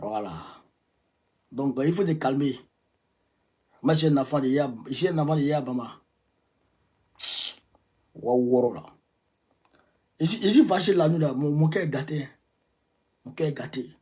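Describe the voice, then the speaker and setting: A man with an Ivorian French accent delivering an impassioned monologue, repeating himself emphatically and swinging between raised outbursts and low muttering. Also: animated, unhurried, pauses often, warm tone, husky. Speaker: political commentator.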